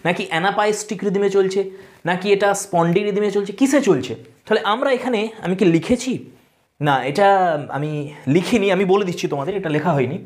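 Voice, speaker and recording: A woman's voice: medium pitch, a little mellow. A woman teaching English poetry for exams, explaining step by step and counting syllables aloud for her students. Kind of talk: exam-prep poem analysis lesson.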